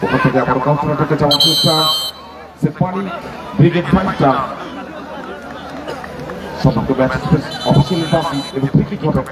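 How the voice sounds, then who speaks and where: A man giving excited, urgent live play-by-play football commentary. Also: fairly high pitch, brisk, long pauses. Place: outdoor football ground with crowd. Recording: distant echoey outdoor PA, loud crowd.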